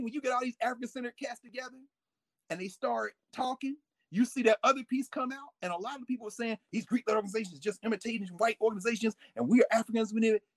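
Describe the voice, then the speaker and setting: A man, telling stories in a casual, emphatic conversation with a husky voice. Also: high-pitched, no echo. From United States. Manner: animated, emphatic, quotes people in changing voices. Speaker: guest speaking on fraternities and history.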